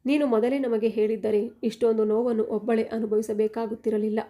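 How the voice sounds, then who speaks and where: A woman's voice: on the high side, level tone, quick pace, warm tone, close to an everyday voice. A woman voicing a loving mother who consoles her daughter tenderly. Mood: consoling.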